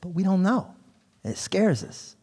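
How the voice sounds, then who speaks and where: Male stand-up comic; animated storytelling on a handheld mic with long club reverb. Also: high voice, unhurried, husky. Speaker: stand-up comedian. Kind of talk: stand-up comedy. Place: comedy club stage.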